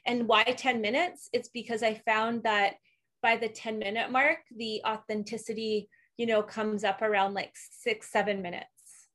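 A woman's voice: fairly high pitch, little pitch movement, moderate pace, a bit bright. A woman guest on a podcast interview, explaining emotional tools in an earnest, conversational way, full of "like" and "um". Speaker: guest, emotional wellness coach.

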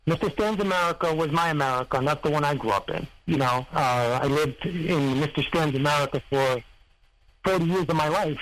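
A man from Serbia who tells his story in a halting, rambling interview style, searching for words as he goes. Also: a little high, fairly bright tone, low-quality recording. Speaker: guest, former heist crew member.

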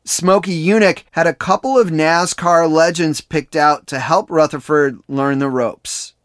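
Man narrating a sports podcast, higher voice. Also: no echo, clean studio sound. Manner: measured, reads a prepared script. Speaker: podcast host. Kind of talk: scripted narration.

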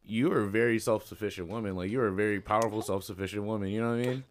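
A man's voice: fairly low pitch, steady tone, very fast. A man on a podcast, speaking in an earnest, affirming way. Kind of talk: podcast chat.

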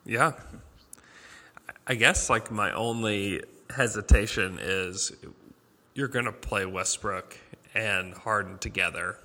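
A man hosting a casual sports podcast, chatty and quick to laugh, recorded in a large boardroom with an echo-chamber sound. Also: lowish voice, pushed and bright. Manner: chatty, laughs often, halting restarts. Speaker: podcast host. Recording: echo-chamber sound of a big hollow room.

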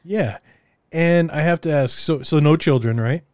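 A man's voice: a little high, normal speed, a little mellow, smooth, no echo, studio quality. A man hosting a casual interview, hesitant and hedging his words. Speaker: podcast host interviewer.

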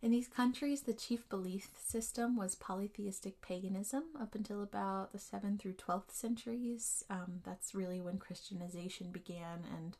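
A woman with a mid-range voice works as a podcast host and storyteller. She reads scripted narration in a measured, explanatory manner, laying out each piece clearly for the listener. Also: mid-range voice, steady tone, darkish tone.

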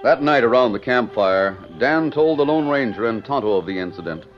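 A man giving steady, formal scripted narration for a 1940s radio drama on a dull old broadcast recording. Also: mid-range voice, fairly quick, soft background music.

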